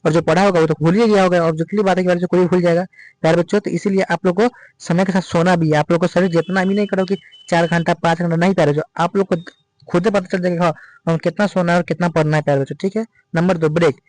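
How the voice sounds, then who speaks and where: A man's voice: sits high, fairly even intonation, rapid-fire, darkish tone, rough recording. A male teacher giving an exam-prep lecture, urging students and calling them dear children in nearly every sentence.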